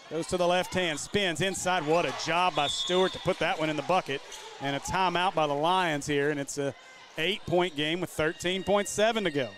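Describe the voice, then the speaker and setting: A man calling a basketball game live as play-by-play commentator, running through the action at a quick pace. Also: a little high, a bit bright. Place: basketball gym.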